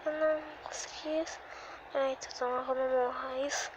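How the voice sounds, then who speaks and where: A woman giving excitable, exclamatory live commentary while playing a game at home. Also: high-pitched, fairly quick, very noisy. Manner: excitable and exclamatory, constant little sighs and cries. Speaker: gaming video creator.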